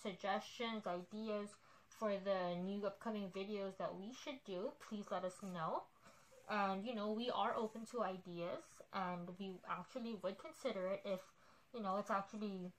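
Casual woman vlogger, voice coming through a face mask, relaxed filler-heavy chat, slight background noise. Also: mid-range voice, low-quality recording. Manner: chatty, loose with fillers like "you know".

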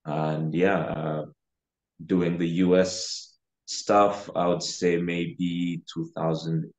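Very slow and flat, with a low, darkish voice, this Ugandan podcast guest in his thirties talks real estate investing in a relaxed interview. His phrasing is hesitant and dotted with "you know." He's on a video call in his living room, seated back from the camera, and the audio is dull and lo-fi.

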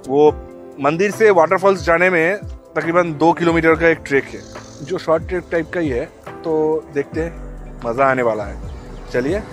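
A man's voice: a little high, normal speed. A young man records himself on a rocky outdoor trail with an action camera held out at arm's length. He talks casually to his viewers while he hikes. Faint music plays underneath. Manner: chatty, talking to camera while hiking. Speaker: travel vlogger. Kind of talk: casual travel vlog.

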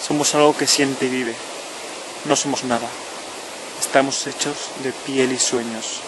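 Intimate guided-relaxation voice over loud stream noise. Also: medium pitch, fairly even intonation. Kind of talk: slow guided relaxation narration, spoken to the listener. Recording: clear noise of rushing water. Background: running stream, natural outdoor ambience.

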